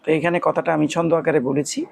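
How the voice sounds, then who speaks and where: Gravelly-voiced man teaching Quran reading. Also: fairly high pitch, level tone, no echo. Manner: explains step by step, then chants letters slowly and rhythmically. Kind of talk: spoken lesson with slow recitation and spelling drills.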